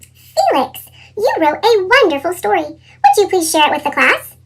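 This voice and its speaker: An encouraging, kindly lady teacher from a picture book, acted by a woman. The voice is chipmunk-shifted to an extreme height, with lively intonation. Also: normal speed, heavily acted. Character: kindly female schoolteacher, encouraging. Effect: sped-up chipmunk pitch shift.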